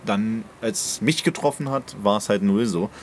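A man's voice: lowish voice, normal speed, slight background noise. A young man co-hosting a podcast in casual chat, rambling and hesitant with many fillers. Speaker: podcast co-host.

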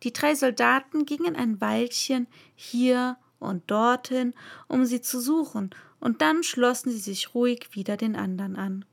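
A woman narrating a classic children's storybook aloud in a slow, even reading voice. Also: a little high, vocal fry.

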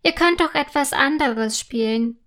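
A woman reading a children's story voices a caring, gentle mother. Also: sits high, unhurried. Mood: kind. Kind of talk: storybook character voice.

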